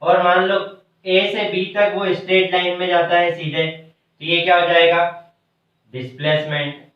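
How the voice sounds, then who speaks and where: A male teacher with a high voice walks through a lesson step by step, asking questions and answering them himself. He sounds far from the mic in a very echoey room. The sound is dull and lo-fi. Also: flat delivery, a little slow. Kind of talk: classroom math lesson.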